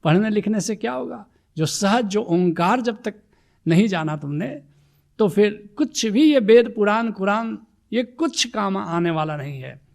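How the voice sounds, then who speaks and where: A man giving a sermon as a spiritual teacher, reciting devotional verses slowly and then urging his listeners with rhetorical questions. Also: high voice, expressive, gravelly, a little mellow.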